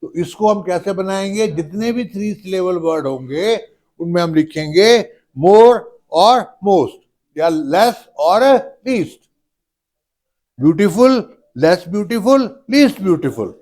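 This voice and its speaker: Slow, high-voiced grammar teacher. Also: male voice, lively intonation, a little mellow. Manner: slow, drawn-out word-by-word dictation, addresses students as beta. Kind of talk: classroom grammar lesson.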